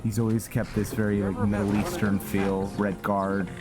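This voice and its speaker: With a flat delivery at normal speed and a voice on the low side, this gamer and role-play host thinks aloud casually through a let's play, often talking to himself. Game music runs underneath.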